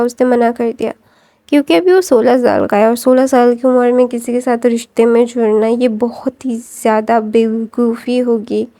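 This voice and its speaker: A hoarse woman casually retelling a fan fiction story, rambling with many fillers and restarts. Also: a little high, dark tone.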